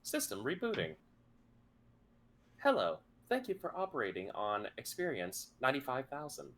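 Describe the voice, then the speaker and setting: A game master voicing a flat, robotic machine voice that speaks inside a character's head, giving clipped, monotone status reports. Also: medium pitch, moderate pace, a little hiss or hum. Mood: flat, mechanical. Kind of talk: tabletop game voice acting.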